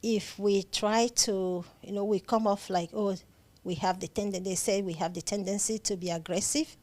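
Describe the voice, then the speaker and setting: A psychiatric nurse practitioner with a Nigerian accent appears as a guest in a conversational interview. Her medium-pitched voice is steady and a little mellow at a normal speed. She's earnest and emphatic, often repeating phrases for stress.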